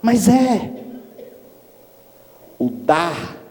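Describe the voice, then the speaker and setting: A man giving a spiritist lecture. He tells stories in an animated way and acts out the dialogue, recorded in a reverberant hall. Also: sits high, drawn-out words. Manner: animated storytelling, acting out dialogue. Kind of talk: sermon-like lecture with storytelling. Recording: reverberant hall with faint noise.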